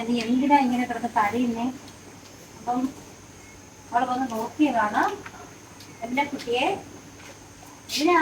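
A woman running a farm vlog who coos fondly to a cow and then explains things to her viewers, recorded in a cow shed. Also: on the high side. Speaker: dairy farm vlogger. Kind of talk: casual farm vlog chat. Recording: echoey, mic far off, noisy farm.

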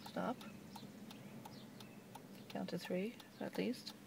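A woman's voice: medium pitch, animated, moderate pace, gravelly. A woman acting as a driving instructor, giving short, step-by-step commands and reassurance to a new driver. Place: inside a moving car. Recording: noisy car interior, distant phone mic.

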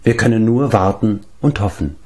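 A man voicing a wise, grave prince who speaks calmly and gently, in an audiobook reading. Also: lowish voice, normal speed, lightly acted. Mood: earnest. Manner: calm, earnest, gentle.

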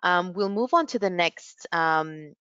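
A woman's voice: lowish voice, lively intonation, a little slow, bright, forceful tone, clean tone, no room sound, lo-fi sound. A woman hosting a university video call session, chatty with many fillers. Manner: friendly, lots of fillers like you know. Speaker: university staff host of student session.

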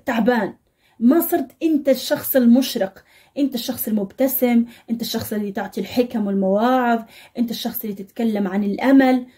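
A woman's voice: on the high side, dark tone, husky. A woman giving a tarot reading to her viewers, addressing them directly and scolding them with blunt advice. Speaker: tarot reader. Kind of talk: fortune-reading monologue to viewers.

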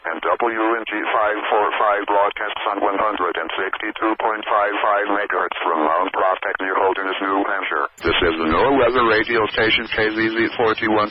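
A man reading a formal station identification in a steady, even way, heard over a weather radio receiver. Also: lowish voice, moderate pace, few pauses. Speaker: station announcer. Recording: lo-fi radio broadcast with loud static.

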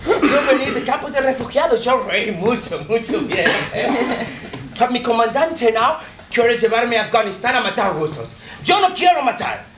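An actor playing a naive, gentle foreign man with a foreign accent and halting, broken phrasing on stage. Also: extremely high pitch, big pitch swings. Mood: pleading, earnest. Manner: broken, halting Spanish with simple verbs. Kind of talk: live comic stage acting. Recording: roomy theatre, distant noisy capture.

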